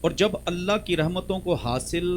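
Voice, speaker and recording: A man, a religious scholar guest on a talk show, explaining calmly step by step. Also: high voice, normal speed, background noise.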